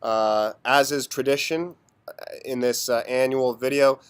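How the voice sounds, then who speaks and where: A man with a hoarse, under-the-weather voice hosting a casual video announcement of standings as a league commissioner, in an informal, mock-official sports announcer manner. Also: medium pitch, steady tone, unhurried. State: hoarse, sick. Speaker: fantasy football league commissioner and host.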